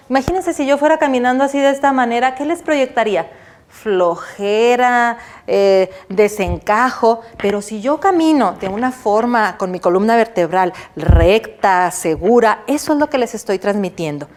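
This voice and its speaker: A woman's voice: fairly high pitch, darkish tone. Woman lecturing with rhetorical questions. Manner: poses questions to listeners and answers them herself; checks in often with a quick "right?". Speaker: university lecturer. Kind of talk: recorded online lecture.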